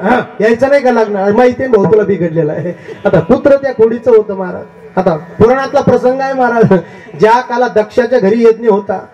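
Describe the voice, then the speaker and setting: A man with a high, mellow voice preaches a kirtan, spinning humorous folk tales and calling his listeners maharaj again and again. The live recording is dull and lo-fi, with faint instruments behind him. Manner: lively, humorous storyteller, often addressing listeners as maharaj. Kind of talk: devotional kirtan sermon with folk storytelling.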